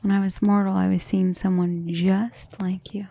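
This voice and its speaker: In an ASMR roleplay, a woman voices an ancient vampire lady, her pitch low and her timbre soft and dark. Proud but devoted, she muses tenderly and hesitantly in a breathy murmur that often drops to a whisper, refined and intimate with a touch of vocal fry. Her pitch barely moves, her pace is moderate, and her mood is wistful and confiding.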